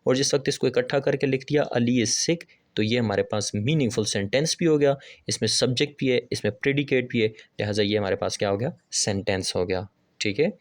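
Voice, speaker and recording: Deliberate male teacher quizzing his class. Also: mid-range voice. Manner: asks the class rhetorical questions and answers them; reads English definitions slowly and deliberately. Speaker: English teacher. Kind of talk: classroom-style video lesson.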